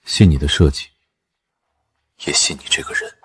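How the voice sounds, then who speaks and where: An actor playing a cool, confident male executive who talks calmly and tersely. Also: extremely low pitch, normal speed, slightly rough, no room sound, heavily acted. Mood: assured.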